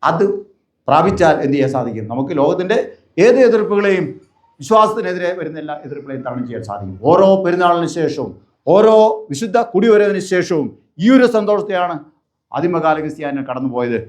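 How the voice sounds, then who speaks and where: Male bishop, fast sermon delivery, slightly high voice, roomy church sound. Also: expressive. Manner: rhetorical questions answered himself. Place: large echoing church.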